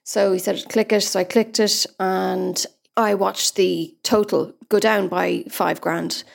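An Irish woman in an interview, telling her own story in a lively way and acting out the dialogue she quotes. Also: mid-range voice, takes it slowly, creaky. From Ireland. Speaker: interviewee, scam victim. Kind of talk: recounting a personal story.

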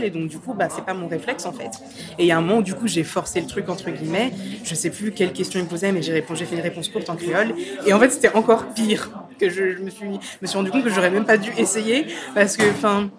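A woman with a fairly low voice speaks as a podcast guest in a casual, chatty way, stumbling through fillers and restarts. A clear murmur of crowd chatter sits behind her voice. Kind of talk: casual interview talk.

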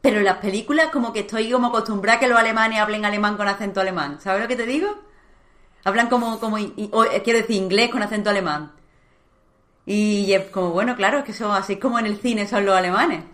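A woman co-hosting a casual chat, arguing quickly and correcting herself. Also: mid-range voice, fairly bright tone. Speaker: podcast co-host.

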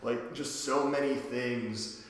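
A hoarse man hosting a casual sports podcast, recorded in a home basement with heavy echo. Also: mid-range voice, steady tone, slow pace. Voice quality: worn-out voice from a night of cheering. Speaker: podcast host. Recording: very echoey basement with reverb.

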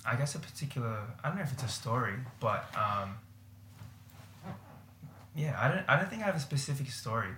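A man's voice: mid-range voice, expressive, fairly quick, pauses often, pushed and bright, a little hiss or hum. A man in his twenties, a podcast guest, talking casually and hesitantly with many ums. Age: 20s. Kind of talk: casual chat. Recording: echoey room.

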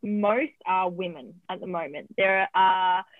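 Over a tinny, dry phone line with no room sound, a woman who works as an oral health therapist chats through an interview with frequent fillers and easy laughter. Her voice is lowish and a little slow.

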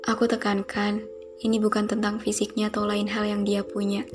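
Young woman talking soft and slow, really monotone, music going underneath. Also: medium pitch. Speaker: podcast host. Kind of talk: reflective spoken monologue. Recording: music playing behind the voice.

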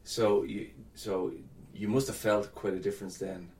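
A man hosting a casual interview, speaking reflectively and haltingly, repeating phrases as he goes. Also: fairly low pitch, flat delivery, a little mellow. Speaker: podcast host.

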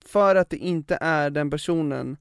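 A man's voice: fairly high pitch, clean tone, no echo, clean studio sound. A man co-hosting a casual podcast who chimes in and argues his points with fillers. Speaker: podcast co-host. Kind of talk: casual chat.

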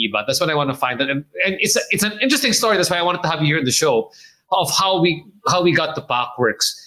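A man's voice: on the high side, bright, forceful tone. A man with a Filipino accent hosting a podcast interview, talking in a rambling, friendly way and slipping in Filipino words. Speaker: podcast host. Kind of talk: casual interview chat.

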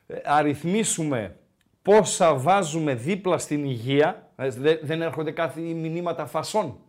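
A man co-hosting a podcast in casual chat, grumbling playfully and repeating himself. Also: fairly high pitch. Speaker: podcast co-host.

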